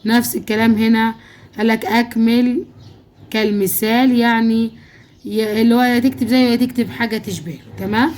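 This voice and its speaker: A woman's voice: a little high, fairly even intonation, a little fast, a little mellow, a little hiss or hum. A woman with an Egyptian accent teaching a primary school Arabic lesson from a worksheet, patiently checking in with her students as she goes. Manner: patient, checks in with "okay?" often.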